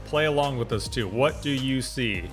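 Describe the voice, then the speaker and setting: A man's voice: medium pitch, moderate pace, over music. A man in his thirties with a standard American accent, giving casual, rambling and curious reaction commentary as a video host. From United States, West Coast. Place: small indoor room at home.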